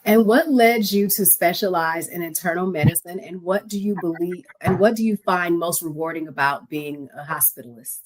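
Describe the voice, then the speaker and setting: Brief: woman podcast host, lowish voice, supportive, asks questions. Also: normal speed, hardly any pauses, poor audio. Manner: supportive, frequent "mm-hmm" backchannels. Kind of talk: interview questions.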